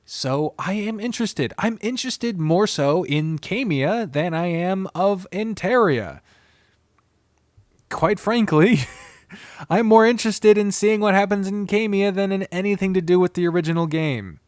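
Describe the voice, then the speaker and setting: This visual novel reviewer has a high-pitched, unhurried voice, recorded dry with clean studio sound. His unscripted, casual commentary is blunt and expressive, full of swearing and rambling tangents.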